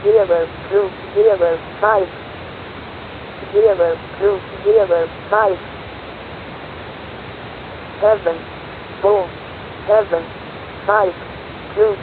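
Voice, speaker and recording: A man voicing a flat, monotone numbers-station announcer, heard as a shortwave radio broadcast. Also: sits high, extremely slow, pauses often. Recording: tinny, hissy shortwave radio.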